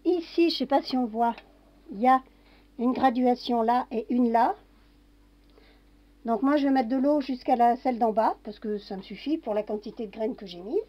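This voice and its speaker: A home cooking vlogger casually talks through a kitchen demonstration, narrating each step with little fillers. Her voice is fairly high and moderately paced, on a dull lo-fi home recording.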